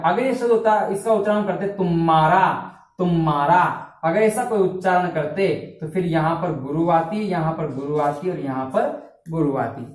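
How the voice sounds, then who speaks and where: A man's voice: high-pitched, darkish tone. A male Hindi teacher giving a step-by-step lesson, often checking that his students follow along. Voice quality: explains step by step, often asks if it's understood. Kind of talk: classroom-style lesson. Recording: echoey room, distant mic, faint noise.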